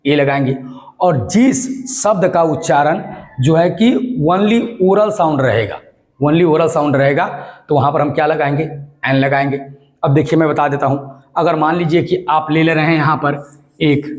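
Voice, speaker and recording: A man teaching English grammar in a lesson, emphatic, answering his own questions and spelling letters aloud. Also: fairly high pitch. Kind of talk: classroom-style lesson.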